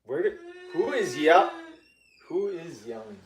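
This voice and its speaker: A man's voice: on the high side, big pitch swings, a little slow, slight background noise. A middle-aged man hosting a live cooking stream from his home kitchen, rambling and self-deprecating with lots of ums. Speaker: livestream host. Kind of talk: casual live cooking chat.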